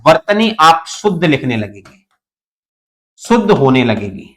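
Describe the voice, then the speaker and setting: A man's voice: on the high side, sing-song, measured pace, fairly bright tone. A young man teaching a Hindi grammar lesson for exam students, explaining step by step, repeating key points and asking his students questions. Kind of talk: online exam-prep lesson.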